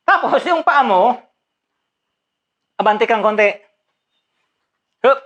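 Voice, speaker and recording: A woman's voice: on the high side, animated, takes it slowly, fairly bright tone, dull audio. A woman playing a teasing karate teacher in a comedy skit, calling out short commands and laughing often.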